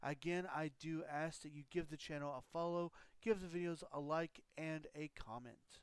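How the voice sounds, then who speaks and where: A man chats casually through a live game stream, his slightly high, smooth voice roughened by a scratchy throat, with fairly even intonation at normal speed. He rambles through loose explanations with plenty of ums and other fillers, and the sound is close and dry.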